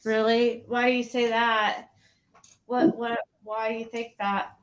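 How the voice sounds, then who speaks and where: A woman's voice: a little high, little pitch movement, measured pace. A woman hosting a casual livestream panel, asking questions in an informal, rambling way. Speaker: panel host. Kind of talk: casual true crime livestream chat.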